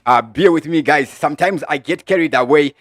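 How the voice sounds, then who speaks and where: A man with a Zimbabwean accent hosting a live-streamed political commentary show, talking through the news with many filler "uh"s and shout-outs to viewers. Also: fairly high pitch, brisk, dry recording, studio quality. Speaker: host of a live online news channel.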